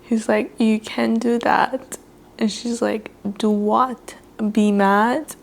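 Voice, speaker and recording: A young woman with a slightly high voice talks unhurriedly on camera, reacting to a book she is reading. Her delivery is chatty, full of "he's like" retellings, with a noticeable gravelly fry. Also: fairly even intonation, slow. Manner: chatty, retells dialogue with frequent "he's like", laughs often. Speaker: book vlogger. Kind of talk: casual read-along commentary.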